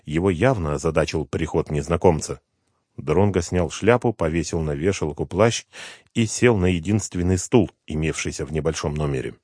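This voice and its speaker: A man narrating an audiobook with an even, unhurried reading. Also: rumbling low, breathy edge, no echo, studio quality. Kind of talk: scripted narration.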